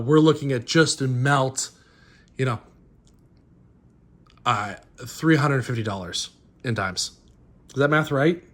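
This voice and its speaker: A man's voice: a little high, fairly bright tone. A man vlogging while sorting coins, talking to his viewers and stammering and repeating words in amazement. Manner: addresses viewers directly. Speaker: coin roll hunting vlogger.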